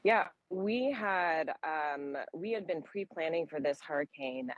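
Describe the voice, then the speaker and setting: A woman's voice: deep voice, dry recording, rough recording. A woman, a humanitarian relief worker, giving spontaneous, explanatory answers in a news interview, feeling her way through phrases.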